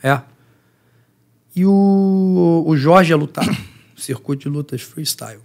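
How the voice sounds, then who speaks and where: Guy, middle-aged, gravelly voice a bit on the high side, acts out everyone in his stories. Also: slow pace. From Rio de Janeiro, Brazil. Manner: lively storyteller who acts out the voices of others. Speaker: guest, jiu-jitsu teacher and fighter. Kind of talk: podcast interview storytelling.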